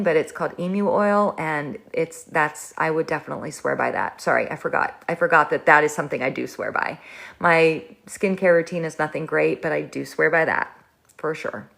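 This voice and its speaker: Middle-aged woman, livestream host, low gravelly voice, rambling casual chat. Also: fairly bright tone. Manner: chatty and rambling, with many fillers and restarts.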